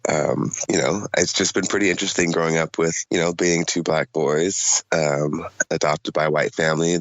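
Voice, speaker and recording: A man in his twenties from Southern California, a podcast guest telling his story in a relaxed, chatty way with lots of fillers. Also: rumbling low, no room sound, lo-fi sound. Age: 20s. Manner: relaxed and chatty, many "um" and "you know" fillers. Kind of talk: casual interview storytelling.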